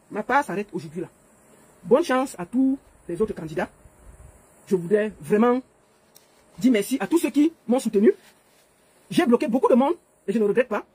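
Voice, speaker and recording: A woman's voice: a little high, darkish tone, slightly rough. A woman giving an emphatic, repetitive political monologue to viewers. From Cameroon. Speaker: political commentator. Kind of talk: monologue to camera.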